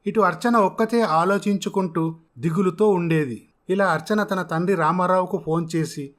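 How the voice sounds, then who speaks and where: A man narrating a family story in a steady, even storytelling manner. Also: high-pitched, moderate pace.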